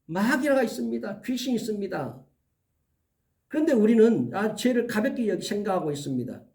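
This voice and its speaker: A male pastor preaching an earnest sermon, giving emphatic warnings and slowly listing items one by one. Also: high-pitched, very animated, vocal fry, a little mellow, far from the mic.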